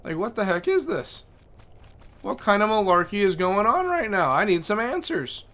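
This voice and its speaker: A man's voice: high voice, sing-song, normal speed, sharp tone, pitched above the performer's own voice, exaggerated voice. A man voicing a laid-back, curious female house cat who answers with nonchalant, puzzled remarks. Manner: nonchalant, then puzzled and bossy.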